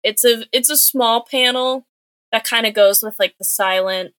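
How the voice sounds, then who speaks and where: A young woman in casual podcast chat, retelling a comic book story with lots of filler words and quick acted-out quotes. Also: fairly high pitch, fairly bright tone, no room sound. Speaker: podcast co-host.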